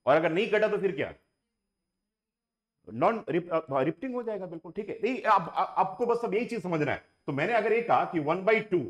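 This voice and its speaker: Lively maths teacher quizzing class. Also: male voice, high voice, normal speed, dull audio. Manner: asks the class questions and repeats points. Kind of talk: classroom lecture mixing Hindi and English. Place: classroom with students and online viewers.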